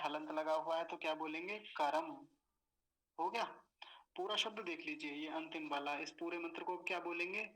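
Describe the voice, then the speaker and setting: A patient man teaching pronunciation, repeating each word slowly syllable by syllable. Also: fairly high pitch, fairly bright tone, poor audio. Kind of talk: slow pronunciation lesson.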